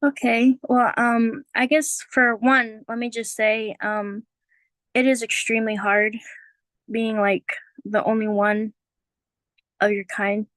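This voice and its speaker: A woman with a fairly high voice, recorded close and dry, speaks from personal experience. Her first language is Chamorro, and her casual testimony is earnest and emotional. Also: little pitch movement, slow pace, long pauses, a bit bright, no echo, poor audio.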